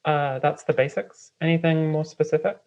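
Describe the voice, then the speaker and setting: This interview guest is a writer and editor from London with a London English accent, speaking at a normal pace in a low voice with a darkish tone. She wanders through her explanations casually and hesitantly, often saying "like" and "kind of." Her recording has a slightly dull, lo-fi quality.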